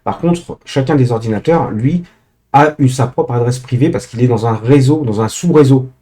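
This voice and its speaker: A man's voice: medium pitch, normal speed, warm tone. Hesitant man explaining a screen tutorial. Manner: hesitant, many filler sounds and restarts; addresses viewers directly. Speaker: tech tutorial presenter.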